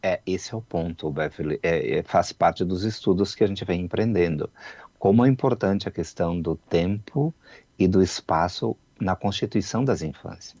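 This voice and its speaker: Radio guest, man, dark and relaxed tone, dry close mic, reflective talker. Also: sits low, moderate pace, no room sound, dull audio. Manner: reflective, repeats words, many "né?" tags. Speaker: guest, childhood researcher. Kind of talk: radio interview, explaining.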